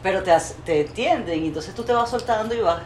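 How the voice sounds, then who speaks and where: A woman's voice: medium pitch, animated, brisk. A woman hosting an interview, effusive and opinionated, talking in long flowing sentences. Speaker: interviewer host. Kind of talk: casual interview chat. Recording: echoey room with faint ambient noise.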